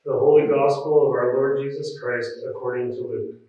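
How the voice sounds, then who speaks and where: A man reading scripture at a church service in a measured, solemn, formal liturgical way, with an echoing cathedral-like sound. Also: medium pitch, steady tone, a little hiss or hum. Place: large reverberant church. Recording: very echoey church, distant muffled mic.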